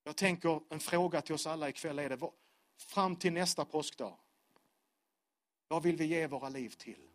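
Impassioned male preacher, higher voice. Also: long pauses. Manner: impassioned, with sudden drops to a hushed voice; repetitive, rhythmic phrasing. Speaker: pastor. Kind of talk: sermon. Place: church service before a live congregation.

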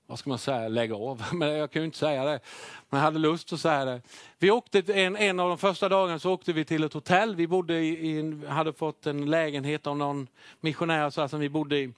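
A middle-aged man preaching, telling a personal testimony with animated, self-mocking storytelling. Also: on the high side, no echo, clean studio sound. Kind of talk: sermon testimony.

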